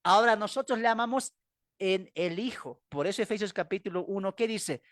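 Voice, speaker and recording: A man's voice: sits high, fairly quick, a bit bright, no echo, clean studio sound. A man with a Bolivian accent teaching a Bible class, emphatic and full of rhetorical questions. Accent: Bolivian Spanish.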